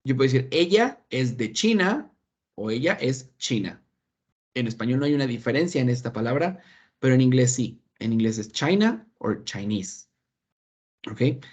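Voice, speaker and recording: In an online English class, a man with a Mexican Spanish accent explains with patience, repeating points and regularly asking "¿ok?" to check understanding. His voice is medium in pitch and very animated, with a darkish tone and a breathy edge, at a moderate pace.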